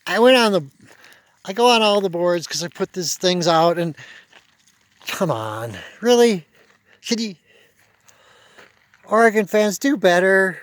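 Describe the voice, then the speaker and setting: Exasperated high-voiced man ranting outdoors. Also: normal speed, pauses often, a bit bright, dry recording. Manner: exasperated, emphatic, repeats himself. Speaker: sports fan vlogger. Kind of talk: casual fan rant to camera. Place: outdoors at sunset, walking his dog.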